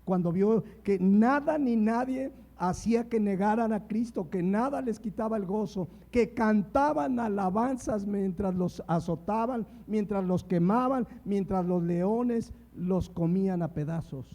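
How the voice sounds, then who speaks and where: A man's voice: high-pitched, a little slow, few pauses, dark tone. A man preaching a sermon, reading scripture aloud and retelling it with emphasis. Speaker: pastor.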